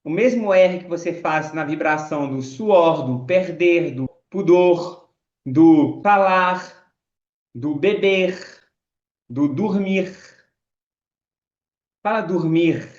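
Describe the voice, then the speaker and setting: A French man teaching pronunciation, saying model phrases slowly and repeating them as drills. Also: on the high side, a little mellow, echoey room, highs cut off. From France. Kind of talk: pronunciation lesson.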